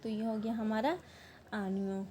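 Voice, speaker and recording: A young woman teaching a language lesson, explaining words step by step, patiently repeating them slowly and checking in often. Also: medium pitch, steady tone, dark tone, a little hiss or hum. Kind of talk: online language lesson, writing on a board.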